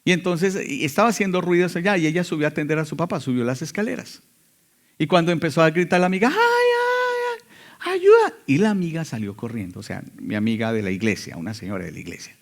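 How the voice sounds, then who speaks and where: Emphatic male pastor, slightly high voice. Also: fast talker. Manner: emphatic preaching with sudden loud and quiet passages. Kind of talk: sermon.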